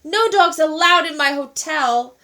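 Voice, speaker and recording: A woman voicing a stiff, indignant male hotel manager who demands and shouts in a storybook read-aloud. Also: animated, measured pace, exaggerated voice. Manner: shrill, demanding.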